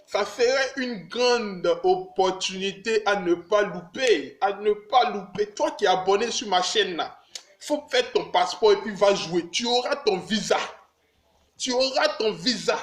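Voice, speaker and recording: A man's voice: sits high, measured pace. A man hosting his own channel, talking casually and emphatically to his viewers, repeating himself and calling them his brothers. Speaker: channel host. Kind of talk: casual direct-to-camera vlog. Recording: echoey room.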